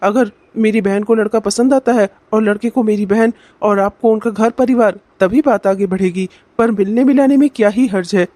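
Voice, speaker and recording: Role: earnest son in a cartoon. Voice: a man playing a calm, reassuring young man, mellow and dry. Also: high-pitched, moderate pace, hardly any pauses, dry recording, close to an everyday voice. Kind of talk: cartoon voice acting.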